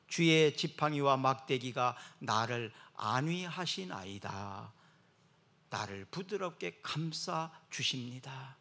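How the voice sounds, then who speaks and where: A man preaching a sermon to his congregation, swinging between loud emphatic exhortation and soft, slow, comforting passages. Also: fairly high pitch, creaky. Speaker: pastor.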